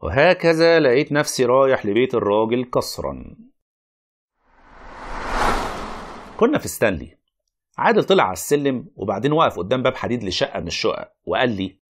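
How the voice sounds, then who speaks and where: A man's voice: mid-range voice, sing-song, quick pace, background noise, lightly acted. An actor playing a wry, reluctant, learned Egyptian man who argues, explains and narrates in a radio play. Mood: wry narrating.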